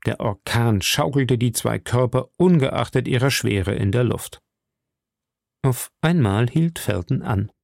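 A man reading a classic adventure novel aloud in slow, measured scripted narration. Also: mid-range voice, creaky, a little mellow, no room sound, clean studio sound. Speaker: audiobook narrator.

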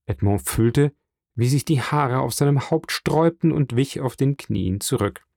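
A man reading a novel aloud in measured, even scripted narration. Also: medium pitch, creaky, dry recording, studio quality. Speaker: audiobook narrator.

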